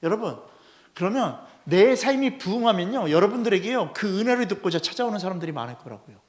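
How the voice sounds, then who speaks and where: A male head pastor preaching a Sunday sermon in a church, animated and constantly asking the congregation rhetorical questions. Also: high-pitched, quick pace. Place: church sanctuary.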